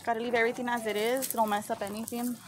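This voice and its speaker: A woman with a fairly high voice talks casually while looking around. She sounds like someone filming on the move with a handheld phone. There is clear noise behind her. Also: little pitch movement, racing. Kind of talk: casual chat while exploring. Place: abandoned farm buildings and open yards. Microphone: handheld phone, speaker behind the camera. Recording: noisy handheld phone recording on location.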